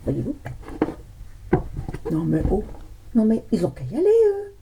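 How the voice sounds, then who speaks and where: A woman reads tarot cards for her viewers in a slow, unhurried way. She rambles, restarts her sentences and drops jokey asides. A steady noise runs under her voice. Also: lowish voice, gravelly. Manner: chatty, rambling, full of restarts and jokes. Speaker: tarot card reader. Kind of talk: casual chat.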